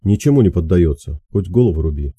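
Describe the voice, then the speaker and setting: A man's voice: sits low, expressive, fast talker, dark tone, slightly rough, no echo. A man voicing an older peasant woman who gives soothing, homely advice in an audiobook. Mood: advising. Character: older peasant woman, gentle, wise advisor. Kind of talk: audiobook character voice.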